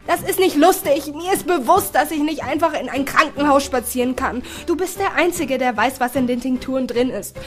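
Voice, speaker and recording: Anxious young guy pleading, kinda high voice, woman reading him, faint music. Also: brisk, hardly any pauses, close to an everyday voice. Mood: upset, pleading. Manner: urgent, pleading. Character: anxious young man, panicked older brother. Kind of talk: audiobook character voice.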